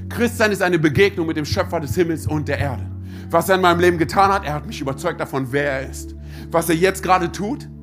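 A pastor preaching a sermon emphatically, addressing his congregation directly and punctuating points with quick interjections. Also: sits high. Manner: emphatic, punctuates with "hey" and "oder?".

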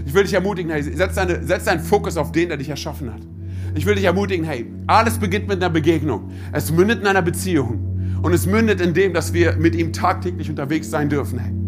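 High-voiced man preaching with urgency. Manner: emphatic, punctuates with "hey" and "oder?"; pleading preacher, addresses congregation directly. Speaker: pastor. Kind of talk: sermon.

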